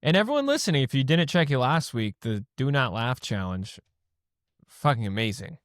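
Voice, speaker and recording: A man's voice: medium pitch, moderate pace, dry recording, clean studio sound. A man co-hosting a podcast in casual chat, telling stories with energy and acting out what people said. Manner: animated storyteller, acts out quotes; swears casually. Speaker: podcast co-host.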